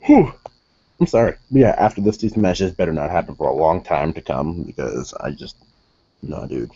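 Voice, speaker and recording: A man's voice: rumbling low, moderate pace, dark tone, slightly rough, muffled recording. A young man reviewing a wrestling show in casual solo talk, rambling, correcting himself and sounding exasperated.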